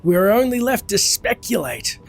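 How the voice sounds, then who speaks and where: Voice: mid-range voice, very animated, measured pace, vocal fry, soft background music. A narrator telling a video game's story in formal, scripted storytelling style. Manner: formal storytelling in first person plural.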